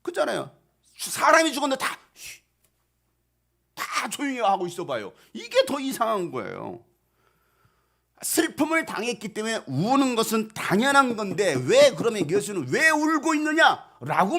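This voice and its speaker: Middle-aged pastor, sermon in a small church, wildly animated pitch, dramatic hushed asides and loud cries. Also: male voice, moderate pace, vocal fry. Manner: asks the congregation questions and answers them himself.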